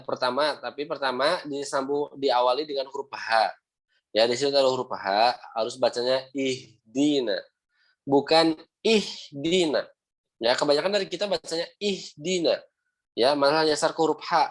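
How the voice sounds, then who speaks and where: A young adult man teaches Quran recitation in a patient, steady way. His voice sits at a middle pitch, and he drags out sounds slowly to demonstrate them, often tagging phrases with "ya". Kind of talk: online class instruction with recitation examples.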